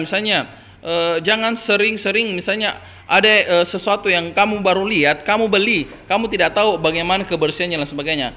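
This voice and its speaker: A male primary school teacher giving a recorded online lesson, hesitant with many fillers and gently admonishing. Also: sits high.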